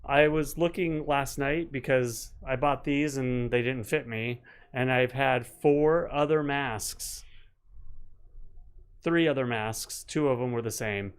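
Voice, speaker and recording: A middle-aged man hosts a relaxed live-stream chat. He talks in an easygoing way and works through his points at length. His voice is plain and conversational. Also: mid-range voice, slow pace, smooth. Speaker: host.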